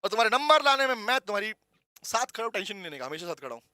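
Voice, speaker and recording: A man's voice: sits high, very animated, very fast, sharp tone, no echo. A man giving an online law revision lecture, playful and chatty, repeating key points and calling his students "beta".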